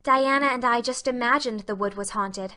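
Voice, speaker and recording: Storybook heroine: imaginative, easily frightened young girl, impassioned and romantic, high and bright played by a woman. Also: moderate pace. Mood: earnest, dreamy. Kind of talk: dramatic audiobook character reading.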